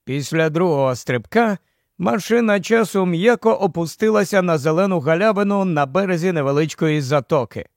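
A man narrating an audiobook in a steady, even storytelling manner. His voice sits high for a man, and the recording is close and dry with no room sound. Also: moderate pace, no echo. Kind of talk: scripted narration.

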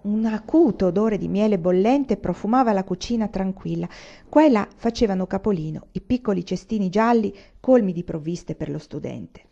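Woman narrating an audiobook, measured, mellow voice, dull lo-fi sound. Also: medium pitch, lively intonation, gravelly. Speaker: audiobook reader. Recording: dull lo-fi recording.

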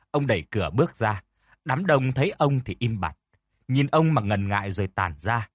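Male storyteller, suspenseful delivery, husky voice, dry close sound. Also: medium pitch, no room sound. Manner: dramatic, suspenseful. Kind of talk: scripted ghost story narration.

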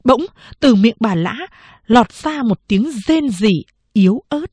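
A woman reading a novel aloud as an audiobook narrator, measured and steady. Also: fairly high pitch, husky, no echo, clean studio sound.

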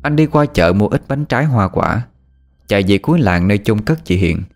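A man narrates a horror story at a steady, dramatic pace. His voice sits on the low side, and soft background music runs under the telling. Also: normal speed.

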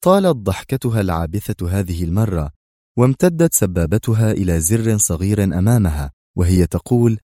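A man narrating an action novel as a dramatic audiobook, moving his pitch a lot through the story. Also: animated, brisk, mellow, no room sound, studio quality.

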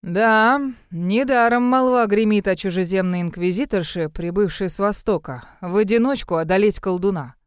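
A woman's voice: mid-range voice, moderate pace, few pauses, clean tone, no echo, clean studio sound, lightly acted. A woman voicing an arrogant, scheming male ship owner who talks in a smug, domineering way. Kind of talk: audiobook character reading.

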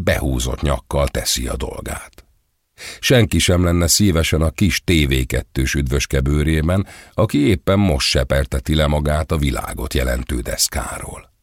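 A man's voice: extremely low pitch, no echo, studio quality. A man narrating an audiobook in a sardonic, vivid storytelling manner.

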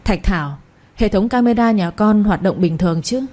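A polite middle-aged son pleading reasonably with his elderly mother, voiced by a woman. The tone is mellow and breathy, measured and respectful, for an audio story. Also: medium pitch, expressive, close to an everyday voice. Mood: deferential. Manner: polite, deferential.

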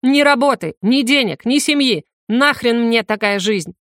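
Woman doing a desperate shouting ex-convict man. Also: on the high side, expressive, normal speed, dry recording, studio quality, pitched above the performer's own voice. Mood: bitter rage.

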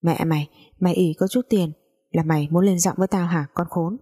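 A woman's voice: lowish voice, fairly even intonation, a little fast, mellow, husky. A woman voicing a greedy, bullying older mother who curses and scolds coarsely, in a storybook reading. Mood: scolding.

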